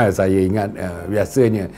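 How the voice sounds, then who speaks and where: A middle-aged man from Klang in Malaysia, speaking with a Malaysian Malay accent, giving an animated sermon to viewers and acting out quoted speech with playful asides. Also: sits low, slow, creaky. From Klang, Selangor, Malaysia. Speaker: religious speaker addressing viewers. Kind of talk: lecture-style sermon to a camera audience.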